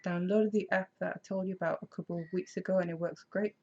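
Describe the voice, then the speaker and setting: A woman's voice: on the low side, fairly even intonation, fast, a little mellow. A woman, chatting casually on a craft live stream and answering viewer comments. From Denmark. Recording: slightly dull lo-fi sound.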